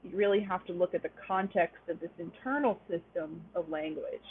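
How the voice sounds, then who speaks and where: Young woman teaching a linguistics webinar, lots of ums, tinny phone-like sound, a bit husky. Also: fairly low pitch, fairly quick. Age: young adult. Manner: explanatory, frequent "um" fillers. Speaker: webinar instructor. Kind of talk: online lecture.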